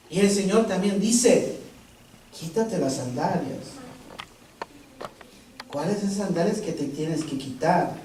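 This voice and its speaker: Brief: priest, lively retreat sermon, distant mic in a very echoey hall. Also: male voice, high-pitched. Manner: animated storytelling, rhetorical questions. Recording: distant mic, strong hall echo, faint noise.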